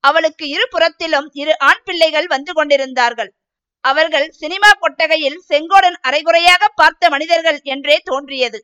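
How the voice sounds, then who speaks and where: A woman narrates a novel aloud in an even, measured reading. Her voice sits high and sounds bright and clear. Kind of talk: storybook reading.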